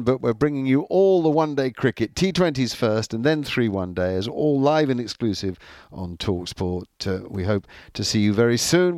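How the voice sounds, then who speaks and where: A man's voice: medium pitch, darkish tone, no echo, studio quality. A man hosting a cricket radio broadcast, speaking in a presenter's sign-off style. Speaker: radio sports show host.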